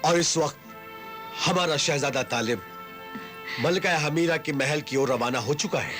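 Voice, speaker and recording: An actor voicing a calm royal courtier in a cartoon, explaining news in a husky voice. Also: male voice, fairly high pitch, unhurried, music in the background, lightly acted. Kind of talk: Hindi cartoon dub acting.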